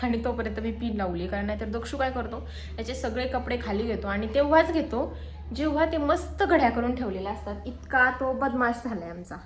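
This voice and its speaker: A young mom vlogger films a casual home vlog on a handheld phone in a small room. Her voice is on the high side and brisk, the sound roomy with a little hiss or hum, and she chats away, coaxing her little son in a sing-song voice.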